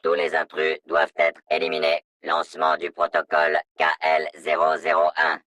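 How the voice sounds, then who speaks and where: An actor voicing a stern male security robot in a video game, through a robotic voice filter, in a flat, monotone, announcement-like delivery. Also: moderate pace, no echo. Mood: cold, commanding. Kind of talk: video game dub dialogue lines.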